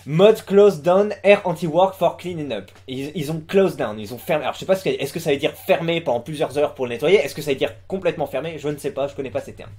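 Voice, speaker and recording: A man's voice: fairly high pitch, racing, hardly any pauses, a little mellow. A man giving casual live commentary, rambling with many fillers, restarts and crude slang.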